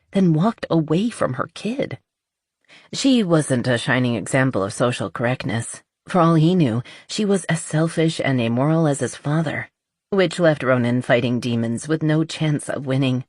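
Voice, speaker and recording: A woman narrating an audiobook novel in measured storytelling. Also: low voice, lively intonation, a little mellow, dry recording, studio quality. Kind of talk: scripted narration.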